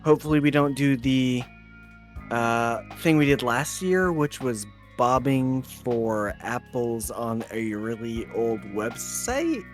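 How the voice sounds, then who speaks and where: A man with an ordinary mid-pitched voice co-hosts a podcast. He answers dryly and deadpan, keeping his lines short. Faint music plays quietly behind him. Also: takes it slowly. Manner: dry, deadpan, terse. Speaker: podcast co-host. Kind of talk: casual chat.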